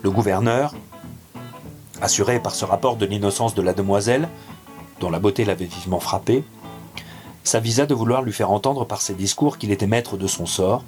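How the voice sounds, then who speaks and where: A man narrating a classic tale in a measured, theatrical reading over music. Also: fairly low pitch, darkish tone.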